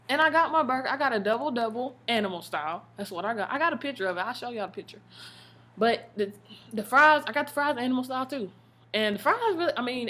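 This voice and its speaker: An American woman telling stories in a casual, slangy vlog style, expressive and full of emphatic asides. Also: fairly high pitch. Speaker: vlogger. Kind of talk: casual chatty storytelling vlog.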